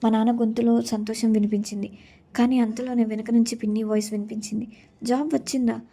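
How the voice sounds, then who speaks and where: Young woman narrating her own sad story, earnest, kinda high but flat and mellow. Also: quick pace. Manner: earnest, sorrowful recounting. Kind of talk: first-person story narration.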